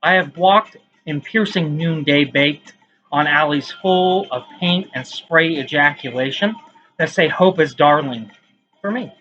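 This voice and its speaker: A man's voice: fairly high pitch, unhurried, bright, forceful tone, dull audio, soft background music. A man reading his own poems aloud in a casual vlog, with rambling, self-mocking asides between them.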